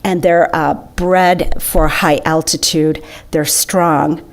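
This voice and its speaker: A woman's voice: deep voice, fairly even intonation, slow pace. A woman giving an enthusiastic, chatty slideshow talk to an audience. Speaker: presenter.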